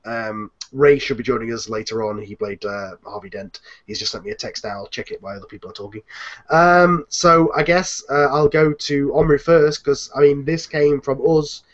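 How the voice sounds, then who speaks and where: This host of an online cast chat runs the group video call in a relaxed, rambling manner, fixing his own words as he talks. He has a medium-pitched, slightly bright voice at a normal speed, heard through muffled, low-fidelity call audio.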